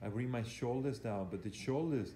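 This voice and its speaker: Guy trainer explaining exercises, stumbles and repeats a bit, normal pitch, echoey gym. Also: normal speed, warm tone. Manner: hesitant, repetitive, instructional. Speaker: fitness coach. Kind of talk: live exercise demonstration commentary. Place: indoor gym. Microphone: handheld camera operated by the speaker. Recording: echoey room, faint background noise.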